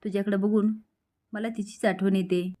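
A woman voicing a warm, grieving middle-aged mother who speaks tenderly and coaxingly. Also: medium pitch, little pitch movement, normal speed, close to an everyday voice.

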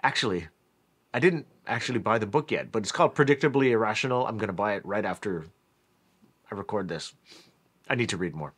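A man from Canada narrating a casual vlog about a factory trip in a relaxed, chatty way with lots of fillers. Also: lowish voice, fairly quick, long pauses, husky. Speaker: vlogger, headphone reviewer.

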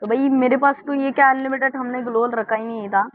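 High-voiced excitable gamer man. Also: fast, narrow, tinny audio. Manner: loud, exclamatory, bossing his opponent around. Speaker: gaming channel host. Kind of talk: excited live gameplay commentary.

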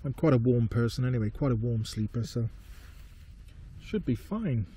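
Relaxed man vlogging outdoors. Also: moderate pace, slight background noise. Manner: relaxed, low-key, talking to camera. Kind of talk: casual solo camping vlog. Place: tarp shelter in a field at night, then walking outdoors. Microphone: handheld camera close up.

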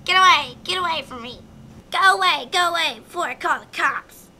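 Woman putting on a shrill frightened granny, very high, piercing bright tone. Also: fairly quick, heavily acted. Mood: panicked. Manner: shrill, panicky. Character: frightened old grandmother.

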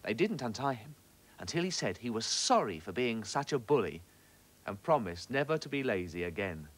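Male storyteller, expressive children's TV reading, very lively melody. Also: medium pitch, normal speed. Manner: expressive, animated.

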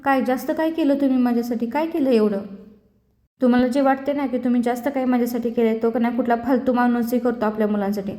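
Lady doing an entitled young guy, whiny and insulting, flat delivery, kinda dark tone. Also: a little high, fast talker, natural voice. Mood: resentful. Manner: scornful, insulting, whining. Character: angry young man demanding money from parents. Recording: echoey room.

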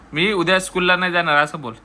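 A man's voice: sits high, bright, forceful tone, a little hiss or hum. A man filming a family vlog at home, coaxing and teasing a small child in casual talk. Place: home indoors.

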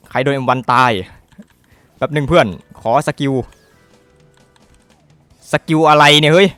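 A young man giving profane, excitable commentary over his own gameplay, swearing constantly and shouting at the game. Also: a little high, a little slow, dry recording, faint music behind. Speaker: gaming YouTuber.

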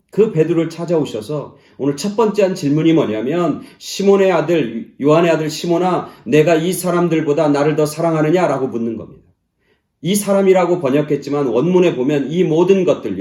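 A male pastor giving a sermon, climbing to loud, high exclamations and then dropping to soft, near-whispered lines. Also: roomy sound. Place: church sanctuary.

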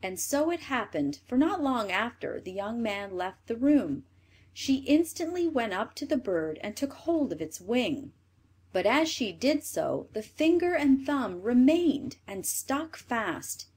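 A woman reading a fairy tale aloud in an expressive storybook manner. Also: a little high, unhurried, slightly rough.

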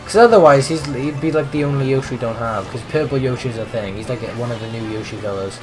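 A man's voice: medium pitch, quick pace, faint music behind. A teenage boy streaming a racing game and chatting with viewers, his breaking voice cracking as he goes. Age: teens. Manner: excitable, chatty, prone to voice cracks. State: voice breaking with puberty. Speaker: gaming streamer. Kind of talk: live gameplay commentary.

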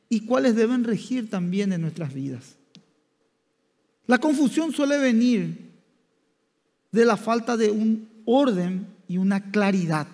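High-voiced pastor preaching in a hall. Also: male voice, darkish tone. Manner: halting, with many restarts and "diríamos" fillers. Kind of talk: sermon. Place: church hall. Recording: long church hall reverb.

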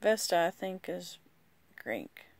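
A woman casually walking through a deck of oracle cards, rambling and hesitant with lots of pauses. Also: on the low side, sing-song, vocal fry, darkish tone. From rural United States. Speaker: vlogger. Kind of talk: casual card walkthrough.

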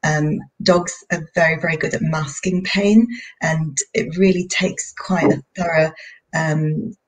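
A woman's voice: low-pitched, fairly even intonation, a little slow. A woman in her thirties, raised in Bahrain, works as a vet and explains her work earnestly over a video call, often repeating words as she thinks. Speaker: veterinarian guest. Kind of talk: explanatory interview talk. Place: indoor room at home.

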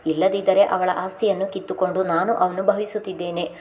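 A woman's voice: fairly low pitch, level tone, a little fast, darkish tone, lightly acted. A woman reading as a stubborn young wife. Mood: sad. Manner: defiant, firm.

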